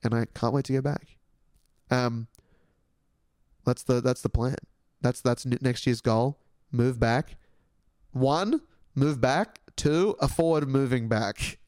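A young Australian man hosting a podcast, chatting in a rambling, excitable way and swearing casually. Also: mid-range voice, takes it slowly, long pauses, no echo, studio quality. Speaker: podcast host. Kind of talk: casual solo podcast chat.

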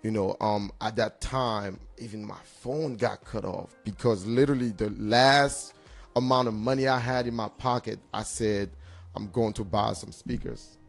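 Male, gravelly low voice; confident, slangy interviewee talking casually. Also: a little slow, faint music behind. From Cameroon. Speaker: DJ and hype man being interviewed.

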